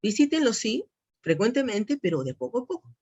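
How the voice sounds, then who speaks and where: A woman's voice: fairly high pitch, big pitch swings, a little fast, darkish tone, breathy edge. A woman giving an instructive lecture on elder care, repeating key points and often checking in with her listeners. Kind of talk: spoken lecture to an audience. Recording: dull lo-fi recording.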